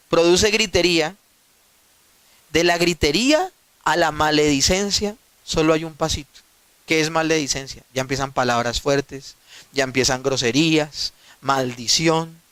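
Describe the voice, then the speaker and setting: High-voiced man preaching a sermon. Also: a bit bright, clean tone, dry recording. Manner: emphatic preaching with rhetorical questions; addresses listeners directly. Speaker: pastor.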